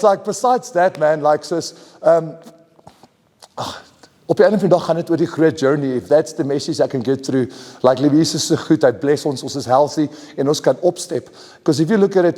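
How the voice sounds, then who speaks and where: A South African man with a native Afrikaans speaker's accent talks casually in an interview. His voice is on the high side and softly mellow, with loose slang and switches between languages. Long hall reverb surrounds him. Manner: informal, laid-back slang, switching between English and Afrikaans. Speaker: jiu-jitsu athlete being interviewed.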